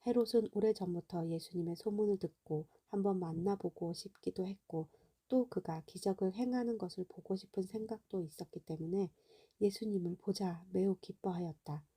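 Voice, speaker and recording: A woman reading scripture aloud in a soft, hushed bedtime voice that slips into a half-whisper. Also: medium pitch, moderate pace, slightly rough. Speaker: Bible reader.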